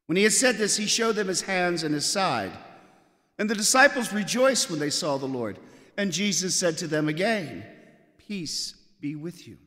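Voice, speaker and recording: A man, a priest, proclaiming the Gospel at Mass in a measured way, his voice carried by a cathedral echo. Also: high-pitched, a bit bright. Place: large church. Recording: long echoing church reverb.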